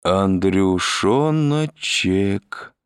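Drunk young woman on the phone, voiced by a male reader: slurred, drawn-out, stumbling, pitched high above his usual voice, in a storybook reading. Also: lively intonation, smooth, dry recording, clean studio sound, full character voice.

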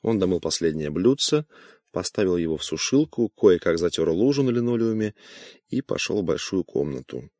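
A man narrating an audiobook in an even, unhurried reading. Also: deep voice, no room sound.

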